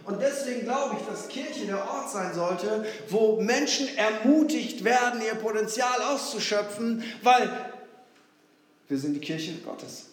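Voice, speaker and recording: A pastor preaching with a high voice, his delivery animated as he moves between ringing exclamations and quiet asides. The sound is very echoey, with the long reverb of a church hall behind him. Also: a little slow. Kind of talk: sermon.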